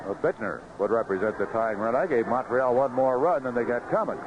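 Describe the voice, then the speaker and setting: A medium-pitched man calls a baseball game live on radio at a brisk clip, chatting in a folksy, conversational way between plays, with music behind him. He's in an outdoor ballpark broadcast booth, and the audio is a dull, noisy 1970s-era radio recording.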